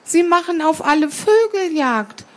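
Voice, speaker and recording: A tiny, timid sparrow chick, as a woman reading a storybook puts it on, polite and anxious. The voice is pitched very high and thin, well above an ordinary speaking voice. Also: expressive, a little slow. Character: small polite fearful sparrow child.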